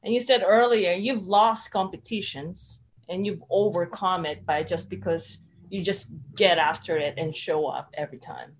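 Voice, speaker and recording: A woman's voice: fairly low pitch, moderate pace, a little hiss or hum. A woman hosting a live interview, chatty and eager, laughing easily as she asks questions. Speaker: live show host.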